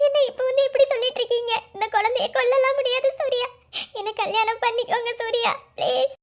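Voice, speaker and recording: Squeaky wailing betrayed cartoon girl. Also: fairly even intonation, quick pace. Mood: pleading. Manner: tearful wailing, pleading. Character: betrayed young pregnant woman, wailing and pleading. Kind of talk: cartoon love-story voice acting.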